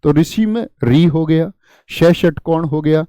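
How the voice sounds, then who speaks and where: A man's voice: fairly high pitch, measured pace, mellow, clean tone, no room sound. A man teaching a class, asking his students questions and repeating the answers, with memory tricks and light jokes. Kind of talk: classroom lesson.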